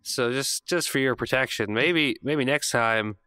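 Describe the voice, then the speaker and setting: A man's voice: mid-range voice, measured pace, clear, resonant tone, no room sound, clean studio sound. A man playing a tabletop role-playing game, joking and laughing often as he talks. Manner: animated, laughs often, jokey. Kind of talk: casual tabletop role-play.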